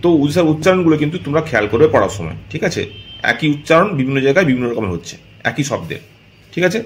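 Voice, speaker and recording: A man's voice: on the high side, very animated, very fast, a little hiss or hum. Patient man teaching English phonics. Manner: patient, explains step by step, often checks understanding. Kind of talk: spoken phonics lesson.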